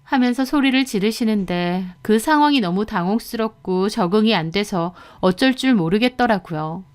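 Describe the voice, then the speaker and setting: A woman narrating a first-person story in a steady, earnest way. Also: medium pitch, moderate pace, smooth.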